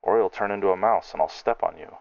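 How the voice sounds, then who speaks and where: A man voicing a calm, stern male paladin with a dry wit, speaking in a measured way. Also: low-pitched, creaky, no echo, lo-fi sound.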